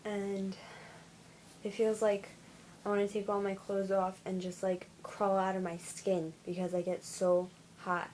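A young woman records a casual video diary at home, sounding tired and yawning now and then. She talks slowly in a flat, even voice, stopping often with fillers and restarting her sentences. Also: medium pitch, slight background noise, rough recording. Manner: halting, with many fillers and restarts. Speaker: vlogger.

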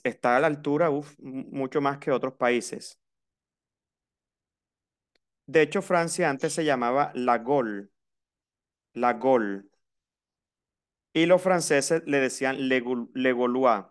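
A man with a Colombian Caribbean coast accent teaches a class, moving between Spanish and French and patiently repeating words for his students. His voice is mid-range with a clean tone.

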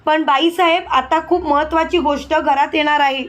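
A woman's voice: high-pitched, steady tone, moderate pace, natural voice. A woman voicing a clever, outspoken young wife who confronts her mother-in-law. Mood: eager. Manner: confronting, respectful address.

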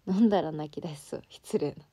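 A woman's voice: low voice, a little fast, mellow, slightly rough, no room sound. A young woman from Fukuoka with a Hakata accent, an idol chatting casually on a livestream, rambling with fillers and giggling as she reads fan comments. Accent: Hakata dialect. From Fukuoka, Japan.

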